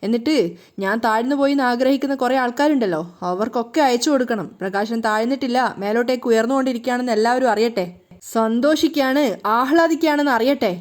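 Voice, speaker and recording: Woman reading as a boastful doting dad, high voice, fond tone. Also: fast talker, close to an everyday voice. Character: proud doting middle-aged father.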